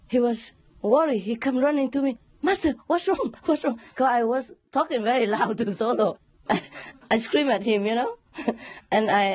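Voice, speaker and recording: Laughing woman telling a story. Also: a little high. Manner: laughs often, animated storytelling with sound imitations. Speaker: spiritual teacher. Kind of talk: casual spoken talk.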